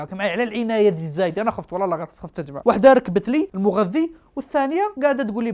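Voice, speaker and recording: A man in his twenties with an Algerian Arabic accent, telling his audience a personal story in a lively monologue, dropping to hushed fear and rising to loud indignation. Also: sits high. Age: 20s. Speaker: vlogger.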